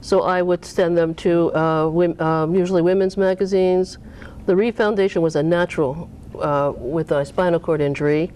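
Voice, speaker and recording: A woman author being interviewed, talking casually with animated pitch that jumps up when she makes a point. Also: moderate pace, slight background noise. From Cape Cod, US.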